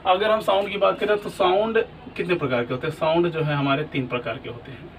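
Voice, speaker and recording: High-voiced man teaching English basics. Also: steady tone, quick pace, distant mic, background noise. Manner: asks questions then answers them himself; repeats "ठीक है ना?" often. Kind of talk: classroom lesson.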